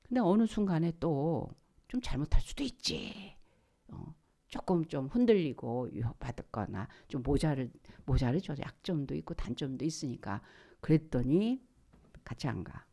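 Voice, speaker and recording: A woman pastor preaches a sermon in church with a low-pitched voice at a moderate pace. She speaks animatedly, acts out the voices of people in her examples, and drops to a hushed near-whisper for emphasis.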